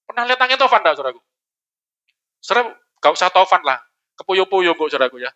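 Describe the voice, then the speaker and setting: A man preaching a lively, joking sermon in a church hall, often asking the congregation questions. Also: high-pitched, quick pace, smooth, dull audio. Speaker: pastor.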